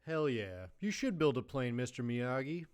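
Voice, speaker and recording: A young man chatting on a live stream with a lively, bouncing pitch that swings up and down. He jokes around and drops playful Spanish phrases into his easygoing talk. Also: normal speed. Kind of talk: casual live-stream chat.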